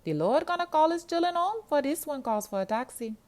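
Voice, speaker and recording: A woman's voice: high voice, expressive, brisk, voice pushed up. A woman voicing a brash young Jamaican woman in a detention centre queue, bossy and streetwise, with a Jamaican accent. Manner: bossy, loud, streetwise, calls everyone darling.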